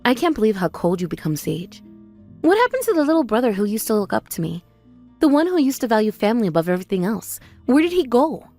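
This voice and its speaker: An actress playing a hurt, loyal young sister in a family drama, speaking in an earnest, emphatic way. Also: female voice, a little high, sing-song, fast, dark tone, faint music behind. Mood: wounded, pleading. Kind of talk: dramatized family-conflict story dialogue.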